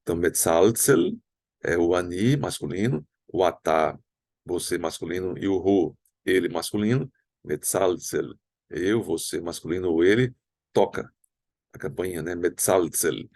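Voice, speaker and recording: A man with a very low voice and a Brazilian Portuguese accent teaches a recorded language lesson. He explains patiently and sounds out words slowly, again and again. The sound is dry and close, with no room around it. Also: gravelly, a little mellow, dry recording. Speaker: Hebrew teacher.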